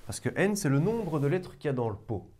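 A man's voice: a little high, big pitch swings, brisk, a little mellow. A man teaching a math lesson to a class, coaxing his students and talking to them directly. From Belgium.

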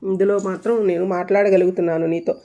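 A woman's voice: fairly low pitch, level tone, fast talker, dark tone, highs cut off, lightly acted. Woman reading as a murdered girl's pleading spirit. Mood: earnest. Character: dead young woman's spirit, pleading for justice.

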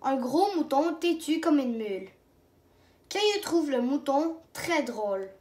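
A woman reading a children's storybook aloud, telling the story slowly and clearly. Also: high-pitched, expressive, darkish tone. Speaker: storybook reader. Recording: roomy echo.

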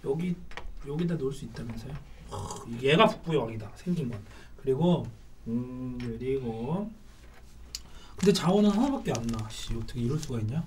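A man's voice: mid-range voice, expressive, normal speed. A man hosting a casual board game session, chatty and self-mocking as he plays and explains the rules. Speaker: board game channel host. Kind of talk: casual chat while playing a board game. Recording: distant mic with faint noise.

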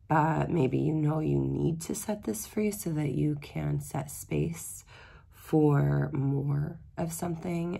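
A woman who is losing her voice, speaking hoarsely and reflectively as she gives a daily tarot reading. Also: sits low, mellow. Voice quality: gravelly, husky voice. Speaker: tarot reader.

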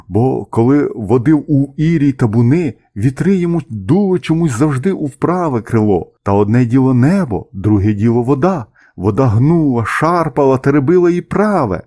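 A man narrating a children's story as an expressive, measured audiobook reading. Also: medium pitch.

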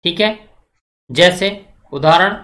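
A man's voice: sits high, slow, bright, forceful tone. Hindi grammar teacher quizzing his class. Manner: repetitive, asks the class questions and answers them; checks in often. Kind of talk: exam-prep grammar lecture.

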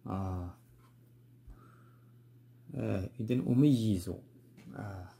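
A man's voice: on the low side, takes it slowly, gravelly, dark tone, breathy edge. A man with a Moroccan accent teaching a textbook grammar lesson, going step by step and repeating key words.

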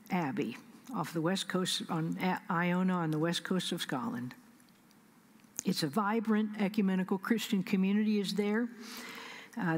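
A middle-aged woman with a Midwestern American accent delivers a sermon from the pulpit. Her voice sits a little low and sounds breathy, and she leans into slow, deliberate emphasis with some soft near-whispers. The sound carries the long reverb of a large sanctuary. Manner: measured preaching with slow emphatic pauses, soft whispered asides. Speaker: senior pastor. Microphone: pulpit stand mic.

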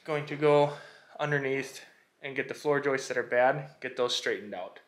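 Inside an old barn, a man vlogs his do-it-yourself renovation, giving a casual walkthrough to camera. He sounds unsure and thinks aloud as he goes, his medium-pitched voice fairly bright at a normal speed.

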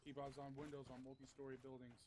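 A man's voice: mid-range voice, completely flat delivery, fast, a little mellow. A man making casual tactical chatter as a squad player in a military game.

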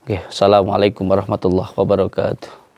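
A man, a spiritual healer calming a distressed person with repeated soothing pleas and murmured prayers. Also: on the low side, quick pace, dull audio. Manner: repetitive, soothing, pleading for calm. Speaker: spiritual healer and channel host.

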